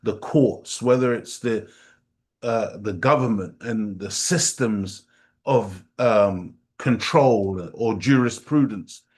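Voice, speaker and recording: Speaking slowly in a lowish voice, a middle-aged Jamaican study group speaker gives a fervent community teaching with a preacher's emphasis, repeating phrases for impact.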